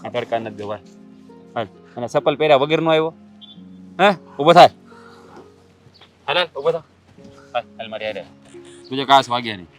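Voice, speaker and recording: A man's voice: on the low side, fairly even intonation, rapid-fire, pushed and bright, faint music behind. A man playing a supportive village friend who consoles with homespun wisdom. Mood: consoling. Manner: philosophizing, urging. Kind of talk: rural family stage drama.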